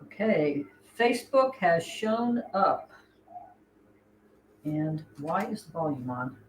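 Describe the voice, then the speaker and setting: A middle-aged woman hosts a livestream in an easy, chatty way, often breaking into giggles as she greets viewers. Her voice sits a little low and sounds a bit roomy, with faint noise in the background. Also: big pitch swings, takes it slowly. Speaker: host. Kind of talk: casual livestream chat. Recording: echoey room, faint noise.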